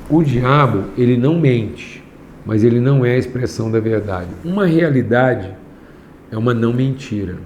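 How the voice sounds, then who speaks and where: A man preaching a sermon as a class lesson, slow and emphatic, rising to raised lines and dropping to hushed ones. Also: medium pitch. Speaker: pastor teaching a class. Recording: echoey room, faint background noise.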